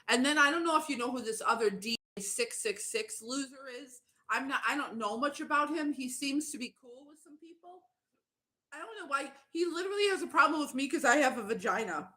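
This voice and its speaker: A woman's voice: a little high, sharp tone. A woman livestreaming as a YouTuber, chatting in a blunt, profane, fired-up rant while eating. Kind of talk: casual ranting livestream chat.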